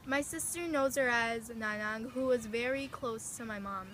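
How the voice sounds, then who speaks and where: Young woman, casual answers with fillers, slightly high voice, faint background noise. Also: moderate pace, fairly bright tone, rough recording. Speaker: interviewee.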